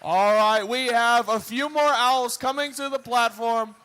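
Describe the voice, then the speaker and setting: A man works as a hype announcer at a powerlifting meet, his voice pitched extremely high as he belts out showman-like calls. He stretches out numbers and urges people on at an unhurried, deliberate pace, with crowd noise around him. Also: smooth. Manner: booming, shouted showman's calls with drawn-out numbers and urging. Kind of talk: live sports announcing, hyping up the crowd. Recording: crowd noise in a live venue.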